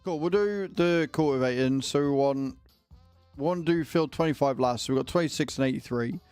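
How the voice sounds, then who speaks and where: A man's voice: mid-range voice, brisk, a little mellow, clear, resonant tone, no echo, faint music behind. A man livestreaming a video game, chatting casually and informally with his viewers. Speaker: livestreamer, gamer.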